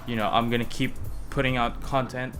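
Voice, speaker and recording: A man's voice: mid-range voice, level tone, a little fast, fairly bright tone, faint music behind. A young man hosting his own car project vlog, talking loosely to camera with frequent restarts. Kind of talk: casual vlog talk to camera.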